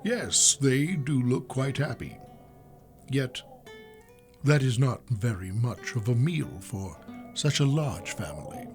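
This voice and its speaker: An actor playing a jovial, commanding Christmas spirit in a radio play, with theatrical, drawn-out calls. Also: male voice, mid-range voice, lively intonation, darkish tone, soft background music. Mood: gently showing.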